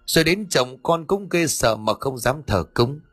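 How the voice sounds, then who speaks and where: A man's voice: mid-range voice, animated, measured pace, fairly bright tone, breathy edge, dry recording, faint music behind. A male narrator voicing a stern middle-aged exorcist who scolds his son.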